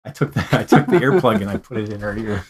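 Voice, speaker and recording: A man's voice: fairly low pitch, lively intonation, fast talker, slightly rough. Rambling man hosting a casual live show. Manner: rambling, many hesitations and restarts. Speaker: co-host of a live online show. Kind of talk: casual live-stream chat.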